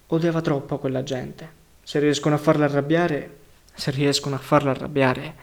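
A man's voice: on the high side, little pitch movement, moderate pace, creaky. A man reading a grave, worried grown man.

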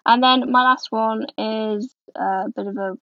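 A woman's voice: a little high, steady tone, a little slow, no echo, highs cut off. A woman with an East Midlands English accent chatting casually as a podcast co-host. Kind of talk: casual chat.

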